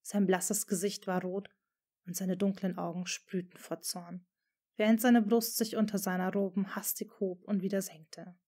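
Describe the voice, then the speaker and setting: A woman's voice: medium pitch, little pitch movement, normal speed, dark tone. A woman reading a fan-fiction story aloud as dramatic audiobook narration.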